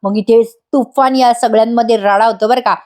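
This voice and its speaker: A woman's voice: on the high side, fairly even intonation, normal speed, a little mellow. Chatty woman reviewing a TV serial. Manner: chatty, addresses viewers directly. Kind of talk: voice-over episode review.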